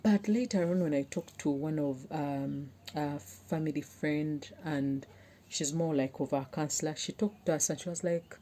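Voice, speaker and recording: A woman's voice: deep voice, normal speed, warm tone, slight background noise. A young woman vlogger talking earnestly to her viewers, pleading and heartfelt as she gives relationship advice. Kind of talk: personal talk to camera.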